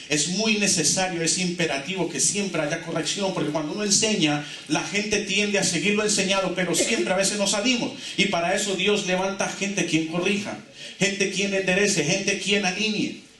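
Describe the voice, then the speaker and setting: A man with a high, slightly bright voice preaches a sermon with fervor, leading his congregation in call-and-response declarations. He's a pastor in a church hall, recorded from a distant mic that leaves the sound echoey.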